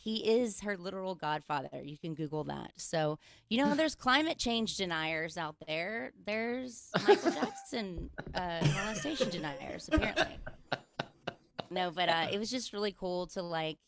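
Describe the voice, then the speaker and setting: A woman's voice: lowish voice, lively intonation. Chatty woman telling comic stories. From Mississippi, US. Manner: chatty, self-deprecating, quick asides. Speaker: guest comedian. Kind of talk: stand-up style comic storytelling.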